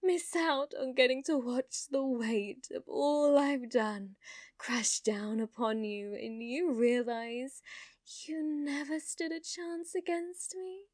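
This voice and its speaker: In an ASMR roleplay, a woman plays a sadistic, haughty young noblewoman villainess, taunting theatrically and often slipping into breathy whispers. Her voice sits high, slow and a little mellow, gloating and mocking, captured in studio quality with no echo.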